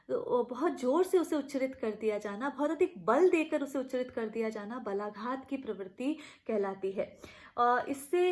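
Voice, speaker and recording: A woman teaches a college class from home. Her voice sits a little high for a woman. She explains step by step, often hesitating on fillers and restarting her phrases. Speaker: college lecturer. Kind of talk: online linguistics lecture.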